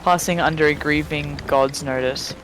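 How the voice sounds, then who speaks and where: A fan fiction reader on a live stream, this higher-voiced man reads dramatically at normal speed in a group voice chat. Steady background noise and chatter surround him as he swears and stops mid-sentence to talk casually with friends.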